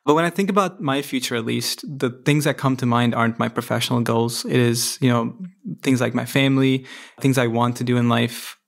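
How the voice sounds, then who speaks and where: A young man in his twenties from India, speaking thoughtfully as a podcast guest, with measured pauses. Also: mid-range voice, gravelly. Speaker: guest, PhD student. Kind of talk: reflective interview talk.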